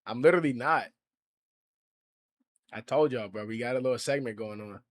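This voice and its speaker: A man in his twenties hosts a late-night livestream, talking loosely in street slang at an average pitch. He reads viewer comments aloud and answers them in an offhand, chatty way. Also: normal speed. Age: 20s. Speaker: streamer. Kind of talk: casual livestream chat.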